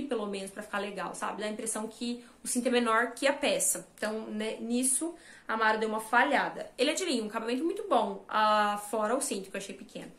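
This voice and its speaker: A woman in her thirties from Brazil, a fashion vlogger chatting casually about her shopping haul in a small room at home. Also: on the high side. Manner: chatty, lively, showing clothes to viewers. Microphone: camera at a short distance, then phone held at a mirror.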